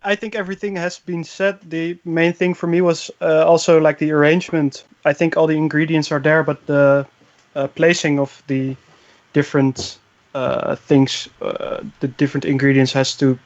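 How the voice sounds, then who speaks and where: A man's voice: on the high side, level tone, moderate pace. A man reviewing a track in a casual chat, hesitant with many fillers. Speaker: show panelist. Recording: dull lo-fi mic.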